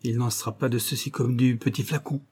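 A man's voice: medium pitch, fairly even intonation, fairly quick, darkish tone, husky. A man voicing an old male blackmailer who whines with false humility and sly mockery, in a read-aloud novel. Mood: mocking. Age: older. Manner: wheedling, falsely humble, mocking.

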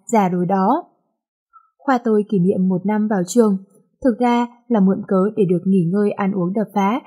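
A woman reading a first-person romance novel aloud in a lively, chatty way. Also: mid-range voice, husky. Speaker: storyteller.

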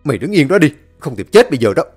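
A man voicing a furious, bullying older village father who shouts coarse threats. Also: a little high, big pitch swings, measured pace, breathy edge, soft background music, pitched above the performer's own voice, heavily acted.

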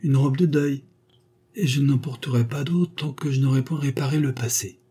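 A man voicing an elegant young woman, speaking earnestly in a raised, soft tone. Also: medium pitch, normal speed, husky, voice pushed up, close to an everyday voice.

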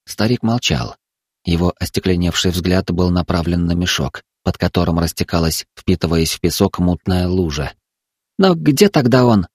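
Male narrator with a low voice, dry close recording, measured dramatic reading. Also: fairly even intonation, husky, dry recording. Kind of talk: storytelling narration.

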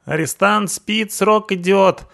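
A cheeky young punk guy with a whiny, slangy drawl, pitched far up, as a male audiobook reader puts him on. He sounds loud and pushy, each line stretched out lazily. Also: slow, creaky, full character voice.

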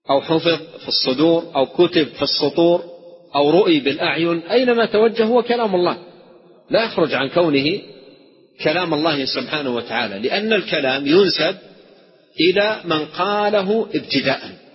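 A man teaching a creed text as a religious scholar, who explains by repeating key phrases and asking questions, then answering them. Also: fairly high pitch. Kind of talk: classroom lecture on theology. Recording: dull recording in a hall with long reverb.

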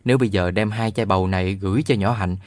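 A man narrating a children's novel aloud in a lively storytelling manner. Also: on the low side, quick pace, no echo. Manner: lively storytelling, voices all the characters. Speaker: audiobook narrator.

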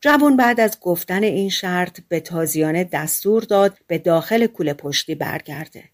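A woman's voice: on the low side, animated. A woman narrating fairy tales for an audiobook in a colloquial, conversational storytelling manner. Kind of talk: scripted fairy-tale narration.

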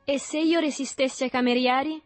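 A woman voicing a rough, threatening poor teenage boy who mocks and challenges a rich boy, in a storybook reading. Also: medium pitch, lively intonation, normal speed, faint music behind, voice pushed up. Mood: swaggering. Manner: loud, mocking, threatening.

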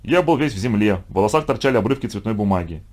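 Man reading a storybook, lively. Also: fairly low pitch, very fast. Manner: expressive, lively telling. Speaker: reader. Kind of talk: storybook narration.

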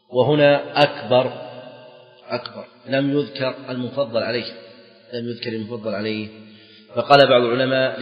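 A man teaching Islamic jurisprudence in a lecture, repeating key phrases for emphasis with sing-song stresses. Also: mid-range voice. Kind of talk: classroom lecture explaining a text. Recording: echoey hall, dull lo-fi sound.

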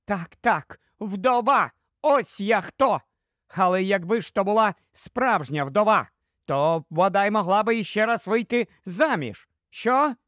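A man reading an audiobook, voicing a sharp-tongued, nagging middle-aged wife with a shrill, scolding delivery. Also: lively intonation, unhurried, dry recording, studio quality.

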